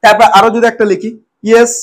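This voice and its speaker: High-voiced man teaching a lesson. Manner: repeats words slowly and checks in often. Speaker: English teacher. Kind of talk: spoken lesson.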